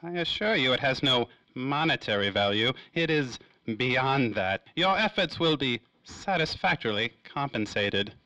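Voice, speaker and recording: A man with a medium-pitched, pushed and bright voice and lively intonation plays a suave, cagey, self-important industrial magnate in a noir serial styled after 1930s radio drama. He sounds smug and evasive, stretching his words out theatrically with slippery phrasing. The recording is dry and of poor quality.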